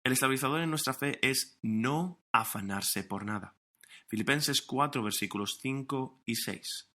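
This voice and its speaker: A man's voice: mid-range voice, unhurried, pushed and bright. A man preaching a sermon as pastor, earnest and emphatic, often restarting his phrases, recorded for an online broadcast. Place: recorded for online streaming during lockdown.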